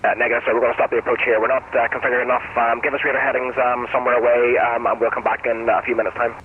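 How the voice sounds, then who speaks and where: Quick man on a cockpit headset radio. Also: medium pitch, level tone, slightly rough, narrow, tinny audio. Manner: clipped, quick, with frequent "uh" and "um" fillers. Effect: heard over a pilot's cockpit headset radio. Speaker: pilot on air traffic radio. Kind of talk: radio calls in aviation phraseology.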